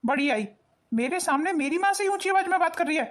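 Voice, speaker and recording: A woman voicing a hot-tempered, abusive young husband in an animated cartoon, harsh and bullying. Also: extremely high pitch, fast. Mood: angry.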